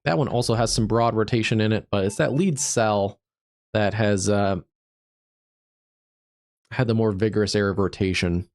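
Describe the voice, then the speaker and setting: A man hosting a live severe weather stream as a meteorologist, stuffed up from allergies, talking through the radar in an easygoing, halting way with many fillers. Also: fairly low pitch, dry recording, studio quality. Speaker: digital meteorologist, livestream host.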